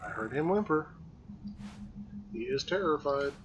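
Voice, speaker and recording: A man streams a game and chats in a loose, joking way. His pitch bounces around a lot as he talks. A steady hiss of noise sits under his voice. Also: measured pace. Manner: playful, joking. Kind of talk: casual gameplay chat.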